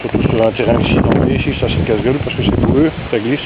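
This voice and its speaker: A man talks his way through a countryside walk, relaxed and rambling, a little out of breath. His voice sits in a middle pitch, recorded on a handheld camera with dull, muffled sound. Wind noise roars across the mic. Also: fast talker. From Brussels. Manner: relaxed, rambling, many fillers. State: slightly out of breath. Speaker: vlogger. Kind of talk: walking vlog commentary. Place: outdoors on woodland and field paths.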